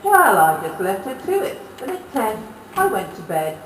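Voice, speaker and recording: A woman's voice: mid-range voice, very animated, normal speed. A woman reciting comic verse on a social club stage, with a broad, theatrical delivery that slips into dialect. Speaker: stage performer. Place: social club stage, amateur variety show. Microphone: distant camera mic. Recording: echoey hall from far off, faint hiss.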